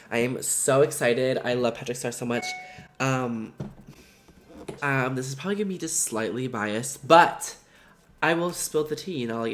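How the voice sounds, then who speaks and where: A man with a stuffed-up, nasal voice, chatting in a gushing, slangy way as he reviews makeup in a vlog. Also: medium pitch. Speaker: beauty vlogger.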